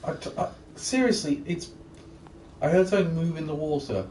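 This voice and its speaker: A man giving casual let's-play commentary while playing, with excitable, jumpy remarks. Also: fairly high pitch, moderate pace, recorded from a distance. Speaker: co-host playing the game. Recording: roomy, off-mic, noisy.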